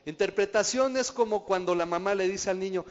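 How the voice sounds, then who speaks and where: A man's voice: high voice, fairly quick. A man, preaching as a pastor in a conversational way and often asking the audience questions. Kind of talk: sermon teaching. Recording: dull recording in a reverberant hall.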